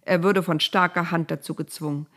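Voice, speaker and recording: A woman reading a storybook aloud, voicing God speaking from a fire in solemn, deliberate, repetitive proclamations. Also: on the low side, steady tone, a bit bright. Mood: firm.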